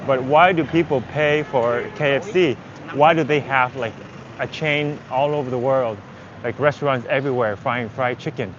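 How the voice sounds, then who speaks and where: The recording is dull and full of heavy street traffic, vehicles and urban clamor from a busy city street outdoors. There, a native Vietnamese man with a mid-range voice talks at a moderate pace, chatting casually in English and thinking aloud in a rambling way like a travel livestreamer on the move.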